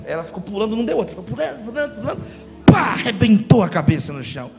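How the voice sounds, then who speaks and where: Brazilian male pastor, very high voice, lively storyteller preaching in a church, music playing under the long reverb. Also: racing, vocal fry. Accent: Brazilian Portuguese. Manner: animated storytelling, acts out a crying child. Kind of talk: sermon. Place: church auditorium.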